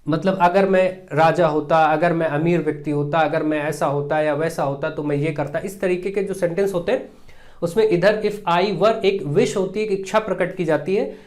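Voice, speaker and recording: A man, teaching as he works through an exam paper step by step, slowing down to read each question aloud. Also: a little high, steady tone. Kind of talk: exam paper walkthrough lesson.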